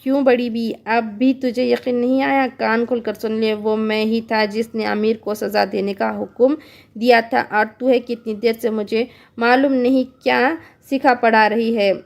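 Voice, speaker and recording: A woman's voice: on the high side, fairly even intonation, normal speed, creaky. A woman reading the part of a young man who insists he is the caliph, in a plainly read-aloud voice. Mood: indignant. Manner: read aloud with little acting.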